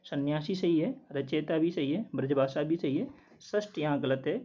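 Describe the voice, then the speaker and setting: Guy teaching through quiz answers, methodical, says each word slow, kinda muffled lo-fi sound. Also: fairly high pitch. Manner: steady, methodical, repeats each word slowly. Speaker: Hindi test teacher. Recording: dull lo-fi recording.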